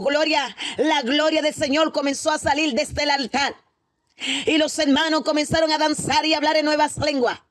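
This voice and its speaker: In a clean studio recording with no echo, a high-pitched woman recounts a prophetic vision as a Pentecostal testimony sermon. Her storytelling is fervent and repetitive, broken up by exclamations of praise like hallelujah.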